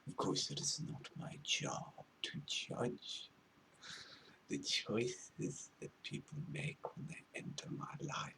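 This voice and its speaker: A man playing a pretentious, fussy librarian in a whispered role-play, half-whispered and breathy, with halting, wordy, condescending delivery. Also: mid-range voice, bright, forceful tone, a little hiss or hum, full character voice, poor audio. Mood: condescending, prim. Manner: pompous, halting, theatrically wordy. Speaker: ASMR role-play performer.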